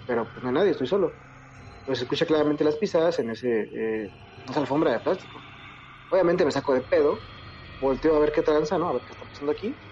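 A man's voice: fairly high pitch, muffled recording, a little hiss or hum. A man with a Mexican Spanish accent casually telling a ghost story, slangy and full of swearing, acting out his own past lines. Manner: slangy, swearing, animated retelling with self-quotes.

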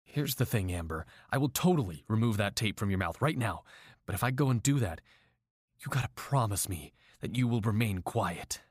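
A desperate, unstable captor, as a man acts him out, swinging between soft pleading and furious outbursts. His pitch leaps wildly, his voice is husky, and the recording is dry and close. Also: expressive, moderate pace, no room sound. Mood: pleading, tense. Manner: pleading then screaming in rage. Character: desperate man holding a woman captive, volatile. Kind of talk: audio drama acting.

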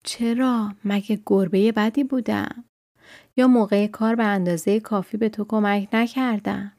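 A woman voicing a gentle, pleading tiger in a storybook reading, with dry close sound. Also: mid-range voice, lively intonation, dry recording, close to an everyday voice. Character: gentle tiger wishing to be a cat.

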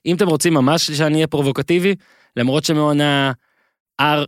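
A man co-hosting a podcast in casual chat, rambling and gushing with excited repeats. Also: a little high, no room sound, clean studio sound. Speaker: podcast co-host.

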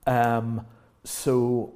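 A middle-aged British man speaking as an interview guest. He talks reflectively and acts out the reactions he quotes with sudden lively jumps in pitch. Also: very slow. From Britain. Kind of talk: casual conversational interview.

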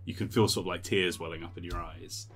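A man's voice: low voice, fairly even intonation, fairly quick, fairly bright tone, faint music behind. A man narrating as game master in a tabletop game, loose and full of fillers.

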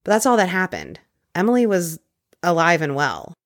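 A woman hosting a podcast, casually recounting a true-crime case with quick conversational asides. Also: lowish voice, huge pitch swings. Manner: conversational, quick asides, occasional put-on quotes. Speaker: podcast host telling a case.

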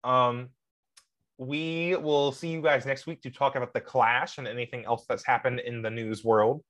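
A man's voice: medium pitch, fairly even intonation, normal speed, a bit bright. A young man co-hosting a casual podcast, rambling and gushing with frequent laughs. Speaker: podcast co-host.

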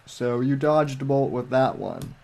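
A man telling stories in casual livestream chat, rambling and halting with many restarts. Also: mid-range voice, creaky, a little mellow.

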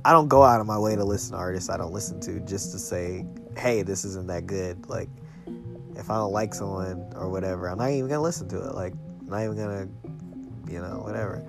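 A man's voice: low-pitched, fast, creaky. A young man chatting casually as a solo podcast host, in loose, slangy bro talk. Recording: music playing behind the voice.

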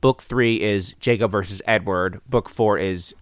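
A young man hosts a casual chat, chatty and dramatic, laughing often as he talks. His voice is smooth and resonant, recorded close and dry. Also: fairly low pitch, measured pace, no room sound. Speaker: podcast host.

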